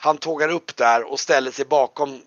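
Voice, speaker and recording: A man's voice: medium pitch, dry recording. A man narrating as game master of a tabletop role-playing game, with many fillers and hesitations. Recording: muffled lo-fi recording.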